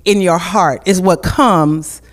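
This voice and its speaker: A woman delivers a church sermon into a pulpit microphone, taking her time over each phrase in a somewhat low voice. She leads the congregation in call-and-response and repeats key phrases to drive them home. The setting is a church sanctuary. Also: slow pace. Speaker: guest preacher.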